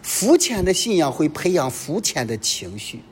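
Man preaching with lively pitch. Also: moderate pace, breathy edge. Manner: animated preaching full of rhetorical questions. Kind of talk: sermon. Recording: long reverb with faint low rumble.

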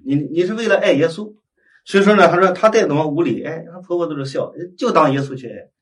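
A man preaches in a storytelling way, slipping into the voices of the people in his tale and often asking his listeners for agreement. His voice sits a little higher than most men's. He is heard from some distance from the microphone. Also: quick pace. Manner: animated, acts out dialogue, frequent tag questions. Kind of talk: storytelling sermon.

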